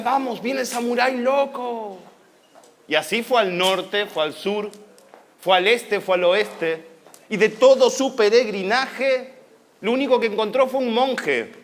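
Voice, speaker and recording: An Argentine man performing a story live on a conference stage, with a fairly high voice. He paces it dramatically, slowing down and speeding up for effect. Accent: Argentine Spanish. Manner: dramatic, expressive pacing.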